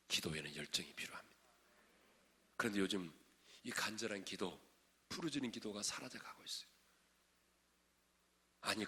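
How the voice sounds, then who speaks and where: A male pastor preaching to a congregation, swinging from shouted exhortation to hushed asides and quizzing his listeners. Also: medium pitch. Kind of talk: sermon at a prayer meeting. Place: large church sanctuary. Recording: long reverb of a large church hall.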